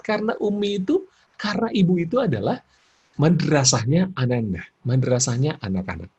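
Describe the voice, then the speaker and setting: Male parenting speaker, lively and expressive, slightly husky voice, dull-sounding recording. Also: medium pitch. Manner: expressive, laughs often, acts out examples.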